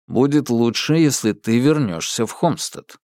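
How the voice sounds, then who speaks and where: A man voicing a calm, menacing young leader. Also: measured pace, dry recording, studio quality. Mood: calm, firm. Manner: calm, low and steady.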